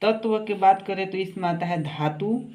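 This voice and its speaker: A man with a high-sitting, slightly mellow voice teaches a science class at normal speed in an everyday delivery. Coaxing his students, whom he calls "babu," he poses short questions and answers them himself during the lecture.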